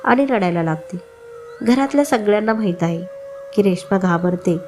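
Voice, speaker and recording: Lady narrating a story, steady even read, bit of soft music under it. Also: medium pitch, normal speed.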